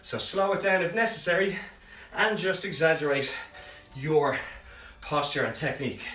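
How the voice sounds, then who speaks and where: A man's voice: on the high side, sharp tone. Man coaching a workout, roomy and distant. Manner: brisk, encouraging coaching cues. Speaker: fitness coach. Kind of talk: live home workout instruction. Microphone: phone livestream from a distance. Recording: roomy, far from the mic, faint music.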